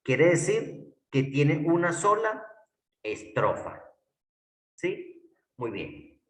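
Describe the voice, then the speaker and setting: A man leads a classroom lesson, slow and deliberate, repeating each point and checking that his students follow. His pitch rises and falls in a lively way as he stresses words. He is picked up from a distance in an echoey classroom. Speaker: teacher.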